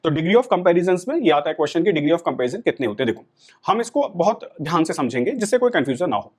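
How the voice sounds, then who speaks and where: Indian man, middle-aged teacher, lively rising-and-falling voice, slightly high, patient lecture style. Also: brisk. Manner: explains patiently, checks in with students often. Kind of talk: classroom lecture.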